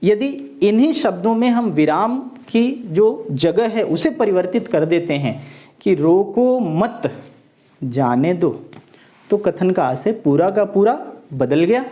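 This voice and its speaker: A man teaching Hindi grammar in an exam-prep lecture, explaining slowly and repeating each point, reciting verse lines with careful stress. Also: high-pitched, dark tone.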